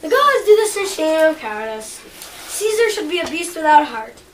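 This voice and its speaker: A woman's voice: high voice, sing-song, moderate pace. A woman playing a proud, defiant Roman ruler, declaiming verse in an amateur stage performance. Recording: echoey room, distant mic, background noise.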